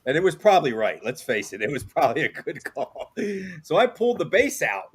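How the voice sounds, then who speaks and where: A man in his fifties hosts a relaxed interview, rambling through anecdotes and laughing as he goes. His voice sits a little high for a man. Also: brisk, a crowd in the background. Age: 50s. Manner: chatty storyteller, laughs often. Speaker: host. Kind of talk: casual interview chat.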